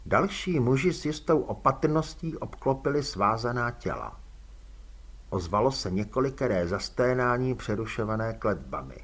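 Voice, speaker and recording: Husky guy reading an audiobook, lively delivery, middle pitch. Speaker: audiobook narrator. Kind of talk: scripted narration.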